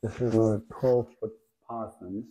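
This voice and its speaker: A man's voice: on the low side, steady tone, measured pace, dark tone, poor audio. Chatty man handling a big snake. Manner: chatty, laughing, talking to the snake. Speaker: snake breeder showing a python. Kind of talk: casual hands-on video chat. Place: outdoors in the sun. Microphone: clip-on mic the snake keeps wrapping.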